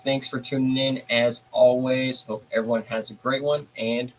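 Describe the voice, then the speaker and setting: A man's voice: medium pitch, flat delivery, normal speed, slight background noise, low-quality recording. A man hosting a casual hobby livestream, talking in a laid-back, rambling way with plenty of fillers. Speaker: livestream host.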